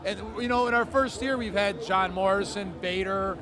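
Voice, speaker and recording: A man's voice: sits high, normal speed. A man chatting casually and enthusiastically in an interview as a wrestling ring announcer. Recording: outdoor urban crowd and traffic noise.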